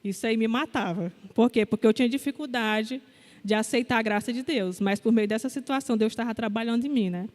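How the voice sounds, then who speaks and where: A woman's voice: fairly high pitch, a little fast, a little mellow. A young woman giving a personal testimony in a sermon, telling her story candidly and quoting the people in it. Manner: candid storytelling, quotes herself and others. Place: church hall. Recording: long hall reverb.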